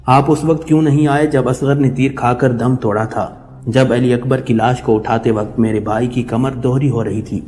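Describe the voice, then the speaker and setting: Sorrowful noblewoman keeping watch over her fallen brother, pleading and lamenting, voiced by a man in his own low-key narrating voice, pitch sitting in the middle, a long reverb trailing each phrase, soft music underneath. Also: lightly acted. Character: grieving noblewoman guarding her slain brother.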